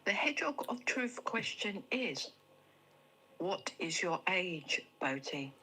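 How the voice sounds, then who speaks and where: A synthetic woman's voice reading out a viewer's message on a live stream in a flat, even manner. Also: on the low side, slow, slight background noise, poor audio.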